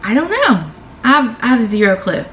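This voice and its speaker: A middle-aged woman with a Southern American accent answers tag questions in her vlog, chatting casually, emphatically, and saying "y'all" a lot. Her voice is a little high and fairly bright, swinging widely in pitch at a moderate pace. The room is echoey, with faint ambient noise.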